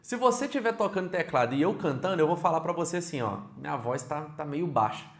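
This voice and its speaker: A man with a Brazilian Portuguese accent teaching keyboard online, lively and speaking straight to the viewer with frequent questions. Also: a little high, fairly quick, echoey room.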